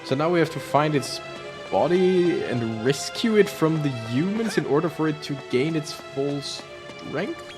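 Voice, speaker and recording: A man's voice: a little high, expressive, a little slow. A tired man giving casual, rambling commentary as he plays, laughing and breaking off mid-thought. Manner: rambling, laughing, self-interrupting. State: tired, yawning. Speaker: gaming channel host. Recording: game music playing behind.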